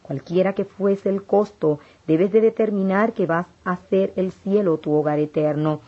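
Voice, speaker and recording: A woman's voice: medium pitch, normal speed, highs cut off. Earnest woman reading a religious testimony. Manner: earnest first-person reading aloud.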